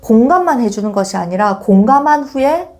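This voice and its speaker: A woman's voice: fairly high pitch, a little fast. A middle-aged woman giving an informal parenting lecture, telling stories expressively and acting out the examples. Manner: expressive storytelling, acts out examples.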